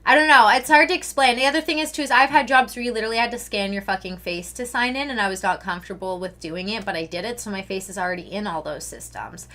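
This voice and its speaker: A young Canadian woman chatting casually with her livestream viewers, ranting and swearing freely in an animated way. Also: mid-range voice, fast talker, few pauses.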